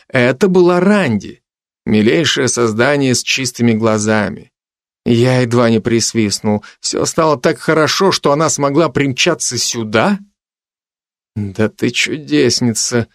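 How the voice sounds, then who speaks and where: Male narrator, fantasy audiobook, measured, stern commands, mid pitch, dry sound. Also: no echo.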